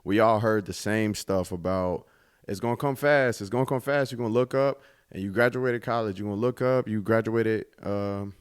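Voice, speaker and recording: A man's voice: on the low side, moderate pace, clean tone. A man in his twenties hosting his own podcast, talking in a laid-back, reflective way with casual swearing. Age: 20s. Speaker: podcast host. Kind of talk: casual solo podcast monologue.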